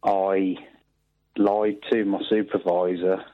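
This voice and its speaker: A man's voice: low-pitched, flat delivery, takes it slowly, dry recording. A man in his thirties calling in over the phone, hesitant and full of ums and restarts. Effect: heard over the phone. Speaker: caller to a phone-in show. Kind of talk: casual chat. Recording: dull phone-line sound.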